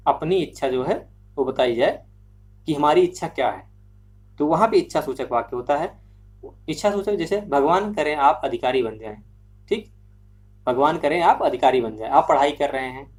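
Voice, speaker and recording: A woman teaching a grammar lesson, explaining slowly and repeating every example sentence before checking that the class follows. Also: sits low, darkish tone.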